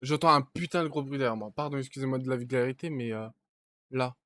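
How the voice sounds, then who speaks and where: Fast-talking and mid-range in pitch, a young man streams his gameplay with casual let's-play commentary aimed at himself, punctuated by panicky yelps, shouts, and swearing. The recording has no room sound.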